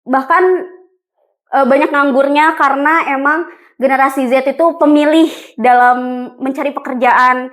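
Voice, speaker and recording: A woman's voice: high voice, steady tone, a little slow, pauses often, fairly bright tone. A young woman hosting a casual podcast chat, chatty with many fillers. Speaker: podcast host.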